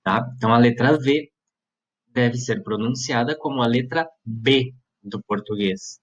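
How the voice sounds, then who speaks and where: A man's voice: medium pitch, a little slow, breathy edge, highs cut off. A man teacher walking students through a lesson step by step, patiently checking in with them as he explains. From southern Brazil. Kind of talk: recorded classroom lesson. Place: Brazilian school lesson.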